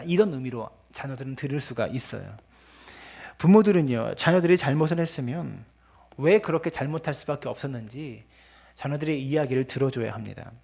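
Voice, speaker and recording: A pastor delivers an earnest sermon in a husky, slightly breathy voice pitched a little high for a man. He speaks straight to the congregation with a preacher's cadence. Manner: earnest preaching, acts out scolding parents in quoted lines; addresses the congregation often.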